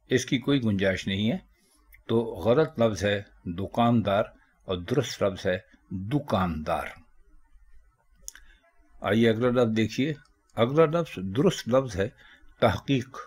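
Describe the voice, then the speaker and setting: A man giving a measured pronunciation lesson, patiently correcting word after word. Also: lowish voice, darkish tone, slightly rough. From South Asia. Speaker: language teacher.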